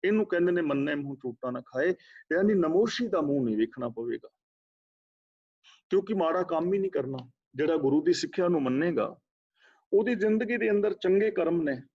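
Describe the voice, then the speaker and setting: Guy teaching a scripture class over a video call, kinda high gravelly voice, dull muffled audio. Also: lively intonation, fairly quick. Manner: explains word by word, asks the class questions. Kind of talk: religious lecture on scripture. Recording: dull lo-fi online meeting audio.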